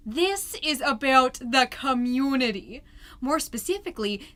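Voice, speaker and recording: A woman with a high, bright, forceful voice plays a chirpy, gushing suburban PTA mom who hosts a podcast, in heavily acted style. Her comedic monologue is theatrical, folksy, and emphatic. She sounds excited and gushing.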